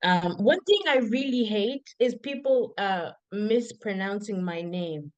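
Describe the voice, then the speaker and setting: A woman's voice: mid-range voice, expressive, unhurried, no room sound, poor audio. A young woman from Zimbabwe, a doctoral researcher, reflecting as a guest in a casual interview and telling her story with many "like" fillers.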